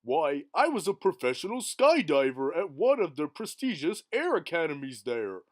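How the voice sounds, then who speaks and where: A man's voice: fairly high pitch, big pitch swings, moderate pace. A man voicing a dopey, cheerful cartoon dog who rambles through silly stories. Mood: rambling.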